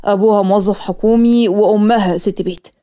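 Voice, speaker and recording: A woman with an Egyptian accent voicing cartoon dialogue in a brisk, matter-of-fact way. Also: mid-range voice, fairly even intonation, mellow. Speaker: voice actor.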